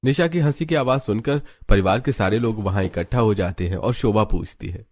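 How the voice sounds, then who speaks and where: A man narrating a family drama story in an even, storytelling way. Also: on the low side, a little fast.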